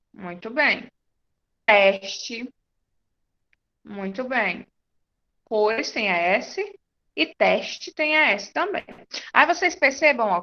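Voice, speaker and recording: A woman teacher, giving a patient, slow-paced class to young children and confirming their answers. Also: a little high, fairly bright tone, muffled recording. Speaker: primary school teacher.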